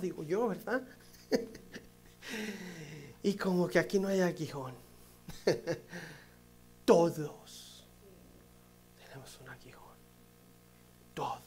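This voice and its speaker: A male pastor, preaching a sermon with passion, swinging from loud exclamations to hushed lines and joking asides. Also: high voice, a little hiss or hum.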